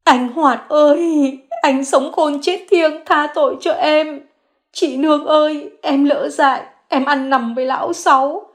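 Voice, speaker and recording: A woman voicing a young mother caught in a lie, crying and begging forgiveness in a high, strained voice. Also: a little slow. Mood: tearful confession. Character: young mother caught lying, tearful, groveling.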